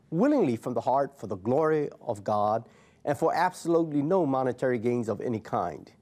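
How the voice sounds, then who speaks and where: Measured pastor man, lively pitch. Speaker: head pastor. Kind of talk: scripted sermon.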